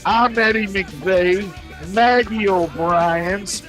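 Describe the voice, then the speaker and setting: A man's voice: high-pitched, very slow, a bit bright, faint music behind, poor audio. A man with a St. hosting a casual promotional chat from his bar, enthusiastic and fired up. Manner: enthusiastic, hyped-up booster. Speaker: bar owner and podcast host. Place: indoors at a bar.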